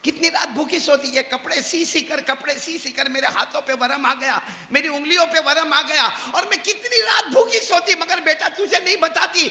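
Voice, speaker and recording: A woman's voice: creaky, natural voice. A male preacher voicing a poor, weary mother who tearfully scolds her son. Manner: high, tearful, pleading scolding. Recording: echoey hall reverb.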